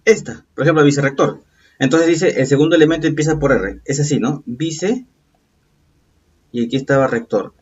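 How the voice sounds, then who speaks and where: Husky male teacher explaining a lesson. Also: mid-range voice, fast talker. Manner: explanatory, checks in with "¿ok?" and "¿verdad?". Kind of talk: recorded review lesson. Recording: distant, dull lo-fi voice.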